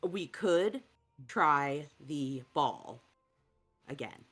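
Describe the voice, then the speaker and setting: A woman's voice: sits low, expressive, drawn-out words, a bit bright, slightly rough, faint music behind. A woman playing a tabletop game, thinking aloud in casual chat and trailing off mid-thought. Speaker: player.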